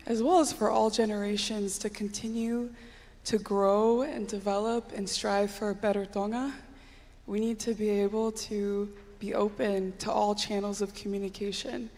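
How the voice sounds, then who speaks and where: A woman pageant contestant giving an earnest, exhortative answer on stage in measured phrases. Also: mid-range voice, darkish tone. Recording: long hall reverb.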